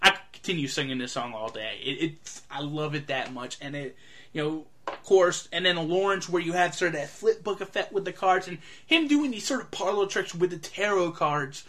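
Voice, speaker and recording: A man's voice: a little high, moderate pace, fairly bright tone. Eager rambling man reviewing a film. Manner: enthusiastic, rambling, many fillers. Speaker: movie reviewer. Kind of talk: casual monologue review.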